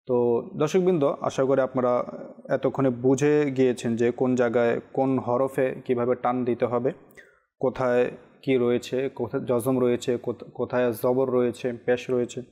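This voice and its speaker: A man teaching correct pronunciation on a televised religious lesson, explaining slowly and chanting Arabic examples. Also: mid-range voice, little pitch movement, warm tone. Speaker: Quran recitation teacher.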